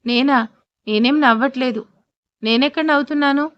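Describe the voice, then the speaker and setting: A woman's voice: high-pitched, moderate pace, dull audio, close to an everyday voice. A woman voicing a playful young wife who teases lightly. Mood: teasing. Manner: teasing, light.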